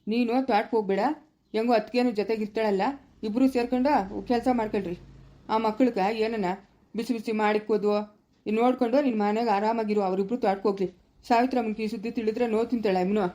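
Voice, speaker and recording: A woman's voice: on the high side, steady tone, quick pace, warm tone, lightly acted. Woman playing a firm village elder. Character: elder brother and uncle of the family, male, middle-aged, calm and firm. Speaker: amateur actor in a family village drama. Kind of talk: rural family drama acting.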